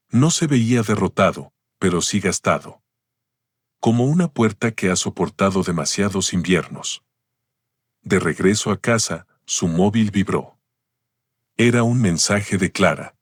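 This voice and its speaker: Very deep, calm male narrator. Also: breathy edge, no echo, studio quality. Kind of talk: scripted story narration.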